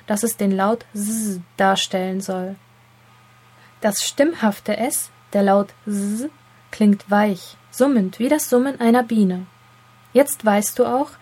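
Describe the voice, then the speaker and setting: A woman narrating a scripted lesson, speaking to the learner in a clear, deliberate explaining tone. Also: mid-range voice, dark tone. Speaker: teacher.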